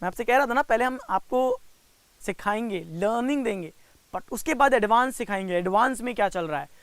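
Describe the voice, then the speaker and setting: A man's voice: very high-pitched, animated, clean tone, no echo. Coaxing Indian male teacher, dry close sound. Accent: Indian English mixed with Hindi. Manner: coaxing and teasing, reads out student names, slows down to spell out steps. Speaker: reasoning teacher for bank exams. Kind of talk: live online class, explaining a puzzle.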